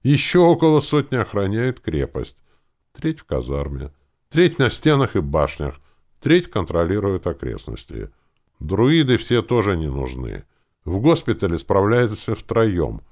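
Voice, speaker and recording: A man's voice: sits low, wildly swooping pitch, a little slow, darkish tone, pitched above the performer's own voice, exaggerated voice. A man voicing a grumpy, foul-mouthed male elf druid who grumbles and bursts out in irritation, in an audiobook. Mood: businesslike. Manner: gruff, swearing, exasperated outbursts. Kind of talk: audiobook character voice.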